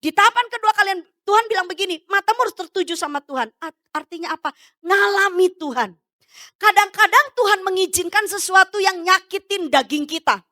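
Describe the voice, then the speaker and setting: A woman pastor delivers a sermon in a very high, sharp-edged voice. She urges loudly, then drops into soft, low asides. The sound is close and dry. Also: normal speed, no echo. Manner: emphatic, swings between loud urging and soft low asides.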